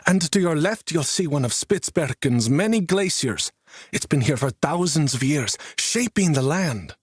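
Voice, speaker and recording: A man doing a booming, cheerful tour guide. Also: expressive, normal speed, breathy edge, no echo, clean studio sound. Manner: booming, enthusiastic announcing.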